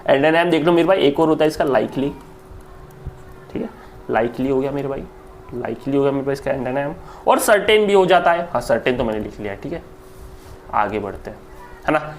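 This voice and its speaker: Indian male tutor, mid-pitched, lively and chatty, faint background noise. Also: a little fast, long pauses. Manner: lively, chatty, repeats words aloud, keeps saying "my brother". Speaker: English vocabulary teacher. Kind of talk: online exam-prep lecture.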